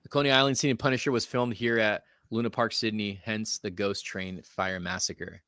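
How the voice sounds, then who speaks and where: On his casual live-streamed collectibles podcast, a host in his forties reads viewer comments aloud and jokes easily, his fairly low voice bright and forceful and his tone steady at a moderate pace. It's recorded close to the mic, dry, with no room sound.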